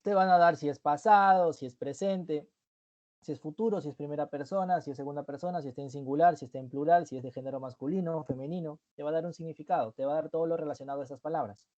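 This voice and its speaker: A man's voice: a little high, fast talker, darkish tone, muffled recording. A man teaching an online review class, explaining terms step by step and often checking in with the students.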